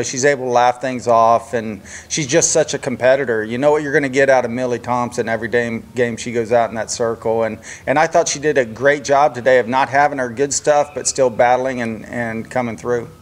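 An older man, a head coach, answering questions at a postgame press conference in a measured, plain-spoken way, often saying "you know". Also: mid-range voice. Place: press conference room, indoors. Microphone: table microphone.

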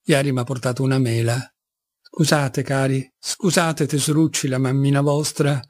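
A man's voice: mid-range voice, flat delivery, moderate pace, close to an everyday voice. A man reading an audiobook, voicing a feeble-minded middle-aged mother who rambles and pleads in self-pity. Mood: plaintive.

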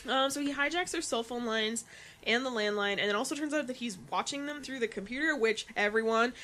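A woman's voice: on the high side, fairly quick, a bit bright. A woman co-hosting a podcast in casual chat, swearing freely while she retells scenes. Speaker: podcast co-host.

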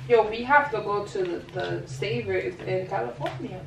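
A woman's voice: medium pitch, moderate pace, vocal fry. A young woman co-hosting an eating vlog, joking bluntly in slangy casual chat. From Rhode Island. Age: young adult. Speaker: mukbang co-host. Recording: roomy, mic at a distance, faint background hum.

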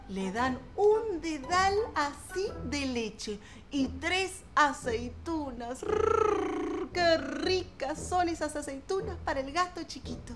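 A woman tells a children's story. Her voice sits high and swoops widely, unhurried, playful and full of voiced sound effects. Music plays behind her.

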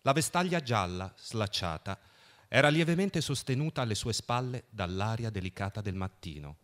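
A man reading a novel aloud at a book festival in a measured, expressive way. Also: on the low side. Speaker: reader.

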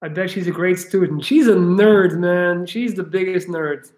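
Speaking at a measured pace with a slightly mellow quality, a Belgian coach in his thirties hosts a casual home livestream. His voice runs high for a man, and he's upbeat as he chats with viewers and reads their comments. The sound comes through a laptop webcam mic in the living room.

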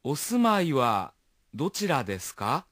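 Leo, a man voicing a husky, polite young man. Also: a little high, wildly swooping pitch, dry recording, studio quality, exaggerated voice. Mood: careful. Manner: careful, polite phrasing, read slowly for practice. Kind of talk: scripted dialogue and model phrases for learners.

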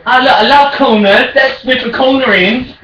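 High-pitched British raging gamer man, echoey room. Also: moderate pace. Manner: raging gamer, shouting and taunting. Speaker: video game player. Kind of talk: trash-talking during an online football game. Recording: echoey room, distant mic, faint noise.

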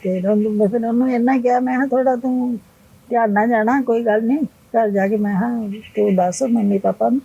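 Older woman, low gravelly voice. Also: steady tone, brisk, dark tone, dull audio. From Punjab. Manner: plain storytelling, retelling others' words. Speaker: interview guest. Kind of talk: emotional interview.

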